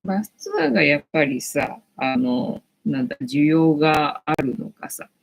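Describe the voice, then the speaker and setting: A woman's voice: sits low, animated, normal speed, gravelly, soft background music, low-quality recording. A woman in her late forties hosting a casual livestream from home, rambling chattily with lots of fillers. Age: late 40s. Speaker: livestream host.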